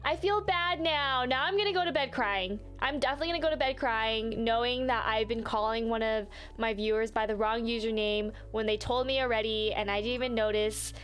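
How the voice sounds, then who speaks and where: A woman's voice: fairly high pitch, brisk, few pauses, a bit bright. Chatty young woman streaming over music. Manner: chatty, apologetic, frequent fillers. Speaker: livestreamer. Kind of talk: casual live-stream chat. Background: faint background music.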